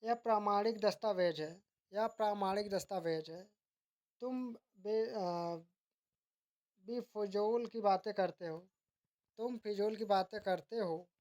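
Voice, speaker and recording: Woman reciting grammar drill sentences. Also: mid-range voice. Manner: steady, measured recitation of wrong and corrected sentences in pairs; occasional self-corrections mid-word. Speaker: teacher.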